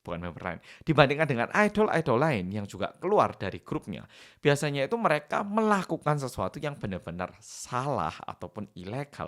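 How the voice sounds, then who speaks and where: A young man from Korea who talks. His delivery is animated and swings widely in pitch while staying at an ordinary middle height. He comments casually to camera in a thoughtful, even-handed way. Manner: thoughtful, weighs both sides. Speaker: YouTuber.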